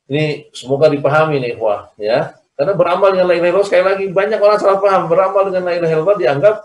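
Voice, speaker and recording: A man's voice: fairly high pitch, lo-fi sound. A man teaching an online religious lesson, explaining by repeating his points and asking his listeners to agree. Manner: explains by repetition, asks "ya kan?". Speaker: Islamic teacher. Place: recorded over a video call. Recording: echoey, distant video-call audio.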